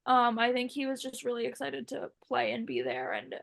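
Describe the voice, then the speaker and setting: A woman's voice: on the high side, sing-song, normal speed, vocal fry, a bit bright. A young woman, a former contestant, chatting casually in an interview and rambling with many fillers. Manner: rambling, full of "like" and "um".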